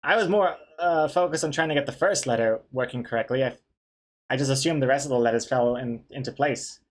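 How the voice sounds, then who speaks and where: A man's voice: medium pitch, fairly quick. A man chatting casually on a livestream as he works, rambling and playful, who can't pronounce his R properly and says it like a W. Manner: rambling, playful, easily amused. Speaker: comic artist and streamer. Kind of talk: casual livestream chat while drawing.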